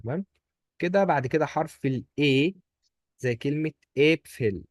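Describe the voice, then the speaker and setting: A high-leaning, animated male voice at normal speed comes through in studio quality without room sound. The man, who has an Egyptian Arabic accent, patiently drills a single learner on German pronunciation by repeating each word.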